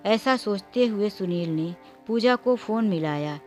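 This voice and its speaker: A woman's voice: mid-range voice, animated, a little slow, darkish tone, faint music behind. Woman narrating a moral story.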